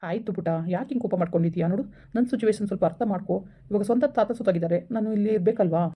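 A woman's voice: mid-range voice, very fast, warm tone, slightly rough, lightly acted. A woman acting a young man who apologetically pleads with his girlfriend in a village skit. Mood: coaxing. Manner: pleading, explaining over and over. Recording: tinny phone-line sound.

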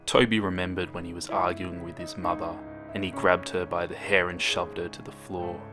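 Deep, flat-voiced male horror narrator. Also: normal speed. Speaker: storyteller. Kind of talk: scripted horror story narration. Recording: background music.

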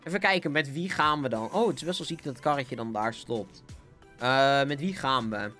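A man's voice: mid-range voice, moderate pace, bright, forceful tone. A young man with a Dutch accent, chatting casually as a gaming livestreamer, bouncy and giggly, with a sore throat. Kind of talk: casual live game commentary. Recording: faint music behind.

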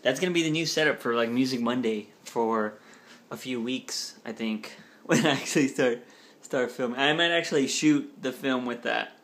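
Chatting casually in his vlog, a young man from the US rambles, cracks jokes and interrupts himself partway through sentences. He speaks at a normal speed in a medium-pitched, fairly bright voice.

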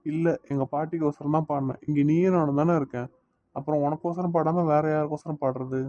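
A man's voice: a little high, fairly even intonation, fast talker, dark tone, no room sound, muffled recording, lightly acted. A man voicing a teasing but doting young man in a cartoon, speaking with a Tirunelveli Tamil accent. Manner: teasing, coaxing, playfully scolding. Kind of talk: cartoon voice acting.

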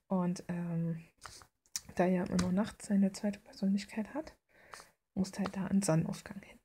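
A video creator chats casually about her finished drawing, rambling informally and poking fun at herself. Her medium-pitched voice is steady and dark in tone, a little slow with long pauses, over faint background noise and clicks.

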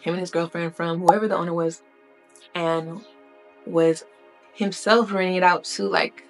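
A woman with a somewhat low voice hosts a commentary video and recaps events in a loose, chatty way. She keeps dropping "like" and "y'all" as she talks. Faint music plays underneath. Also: fairly even intonation, normal speed. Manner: chatty, uses "like" and "y'all" often. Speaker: commentary channel host. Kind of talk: casual storytelling commentary.

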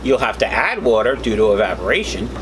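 A man's voice: on the low side, fairly quick. A middle-aged man hosting a debunking vlog in a casual, opinionated way, explaining informally to the camera. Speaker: host of a fishkeeping channel. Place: small indoor fish room full of tanks. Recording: steady background hum and noise.

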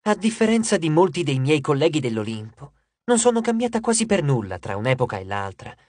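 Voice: mid-range voice, sing-song, a little fast, darkish tone, no room sound. An audiobook narrator voicing a vain, glamorous goddess of love who talks in a gushing, condescending and theatrical way. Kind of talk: audiobook character voice.

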